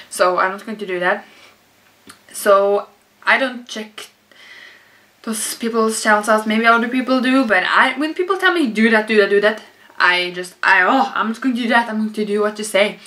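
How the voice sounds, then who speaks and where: Bright-voiced Norwegian young woman vlogging. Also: mid-range voice. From Norway. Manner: chatty, rambling, many fillers and restarts. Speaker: YouTuber. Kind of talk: casual vlog Q&A.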